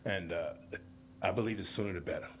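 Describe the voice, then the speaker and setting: Breathless low-voiced man asking the board. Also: a little fast, a bit bright, slight background noise. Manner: direct questioning, slight stumbles. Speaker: parent public commenter.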